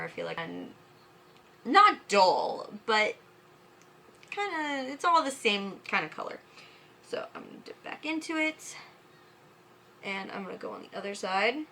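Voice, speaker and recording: A woman's voice: medium pitch, sing-song, moderate pace, creaky, bright, forceful tone, slight background noise. A drunk woman giving a casual, chatty makeup tutorial, fumbling and tripping over her words as she goes.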